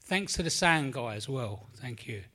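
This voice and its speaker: A middle-aged Londoner with a London accent gives a personal share at a recovery support meeting in a meeting room, rambling candidly, swearing freely, and admitting he's nervous. His medium-pitched voice is bright, forceful, and animated, at a moderate pace.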